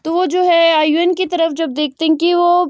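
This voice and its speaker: A woman's voice: very high voice, fairly even intonation, moderate pace, no room sound, highs cut off. A woman host casually retelling a story to her channel viewers, with many filler words. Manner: fillers, repeats "jo hai" a lot.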